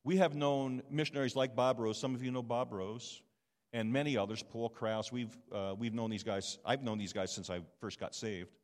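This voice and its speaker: A man's voice: mid-range voice, fairly even intonation, moderate pace. A man in his fifties giving a personal testimony sermon in a chatty, self-deprecating way, often checking in with the audience. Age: 50s. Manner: conversational and self-deprecating, asks the audience "okay?". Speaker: preacher and missionary. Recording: long hall reverb.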